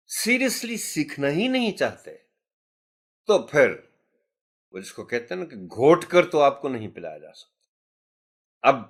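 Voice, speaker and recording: A man from Pakistan giving a teacher-training lecture, asking rhetorical questions and answering them himself, and slowing sharply to stress key headings. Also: mid-range voice, a bit bright. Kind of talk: classroom lecture.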